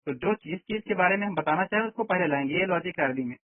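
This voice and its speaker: A man's voice: sits high, expressive, no room sound. A man teaching an online language lesson, explaining step by step and often checking that students understand. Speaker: Arabic teacher. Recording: tinny online call audio, dry.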